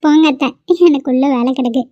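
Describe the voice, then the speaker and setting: A woman voicing a shy, high-voiced young bride. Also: level tone, a little fast, dark tone, no room sound, dull audio, close to an everyday voice. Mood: bashful. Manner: bashful, coy. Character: shy young newlywed wife. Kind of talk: cartoon voice acting.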